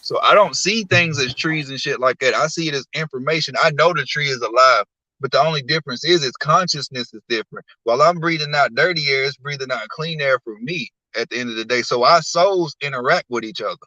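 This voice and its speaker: A man on a live stream explaining his beliefs slowly and firmly, like a preacher. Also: mid-range voice, sharp tone, no room sound, lo-fi sound. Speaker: guest. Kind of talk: casual live-stream talk.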